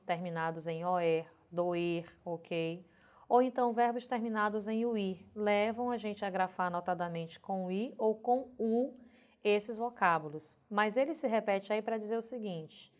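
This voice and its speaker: Brazilian lady teacher going thru spelling rules, super slow and careful, keeps saying ok?. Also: medium pitch. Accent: Brazilian Portuguese. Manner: slow, deliberate, spells out words and repeats "ok?". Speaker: Portuguese language teacher. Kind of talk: recorded grammar lesson.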